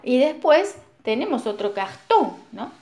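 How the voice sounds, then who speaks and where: Animated woman reading to small children. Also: sits high. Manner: slow, animated, sing-song storytelling. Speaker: teacher reading to young children. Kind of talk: read-aloud children's story.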